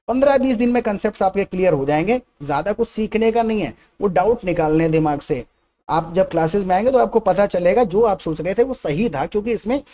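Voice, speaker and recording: A man's voice: high voice, mellow. A man with an Indian accent teaching spoken English step by step, often checking in with "Getting my point?".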